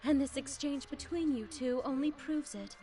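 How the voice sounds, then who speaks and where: A woman voicing a composed, gently amused maid in an anime game, speaking politely and with measure. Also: sits high, moderate pace, close to an everyday voice.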